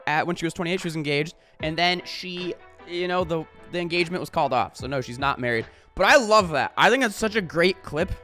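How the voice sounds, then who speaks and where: A man's voice: on the high side, fairly quick, few pauses, pushed and bright, soft background music. A man talking to camera in a casual vlog, rambling with lots of fillers and casual swearing. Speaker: YouTuber.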